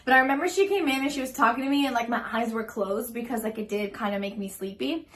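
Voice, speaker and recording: A young woman with a slightly high voice rambles through a personal story, chatty and full of fillers. She acts out her own remarks as she goes. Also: fast, fairly bright tone. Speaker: vlogger telling her birth story. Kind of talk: casual storytelling.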